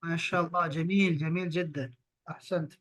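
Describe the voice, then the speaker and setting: A man teaching an online language lesson over a video call, repeating words slowly and drawing them out for his learners. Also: fairly high pitch, fairly even intonation, fairly bright tone. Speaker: Arabic teacher.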